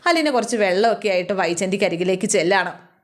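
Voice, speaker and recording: A woman's voice: medium pitch, lively intonation, fast talker. A woman narrating a family drama in a chatty, casual storytelling way, often turning to the listener with little asides.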